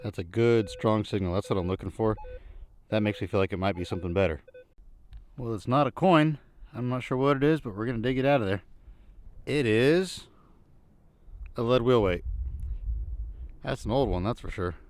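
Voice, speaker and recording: A man's voice: on the low side, moderate pace, long pauses, a little mellow. A man narrating a casual outdoor treasure-hunting vlog in a folksy way, musing and thinking aloud as he goes. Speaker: vlogger narrating a treasure hunt. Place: outdoors in an old junkyard.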